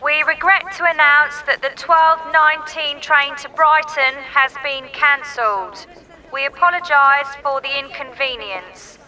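A woman reading station announcements in a slow, measured and formal way. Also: high voice, sharp tone, low-quality recording. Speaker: station announcer in a listening exercise.

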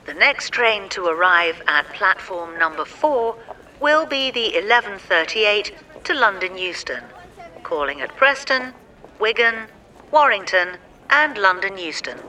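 A woman reading station announcements in a slow, measured and formal way. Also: medium pitch, sing-song, bright, forceful tone, a little hiss or hum, poor audio. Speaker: station announcer in a listening exercise.

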